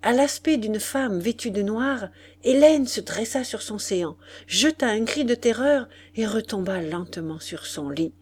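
A woman narrating a classic novel in a measured, steady reading. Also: on the high side.

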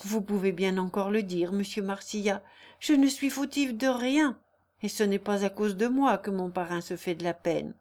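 A candid young country girl from a classic novel, honest and sorrowful as she protests her innocence, read aloud by a woman. She speaks at a mid pitch with plain, heartfelt sincerity. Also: moderate pace, darkish tone, natural voice. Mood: sincere, aggrieved.

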